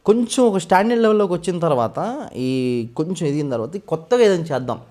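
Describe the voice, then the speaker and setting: A man from West Godavari in India, a mimicry artist, telling his story in a casual interview and often addressing the interviewer as sir. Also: on the high side. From West Godavari, Andhra Pradesh. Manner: fast, animated storytelling with frequent sir.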